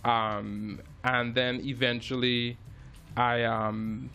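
A man's voice: mid-range voice, level tone, extremely slow, bright, forceful tone, clean tone, soft background music. A man, a jazz musician talking casually as an interview guest, often restarting and repeating words. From Trinidad and Tobago.

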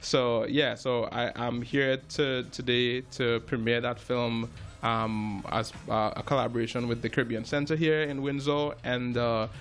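A man's voice: medium pitch, level tone, measured pace, a bit bright. A man, a jazz musician talking casually as an interview guest, often restarting and repeating words. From Trinidad and Tobago.

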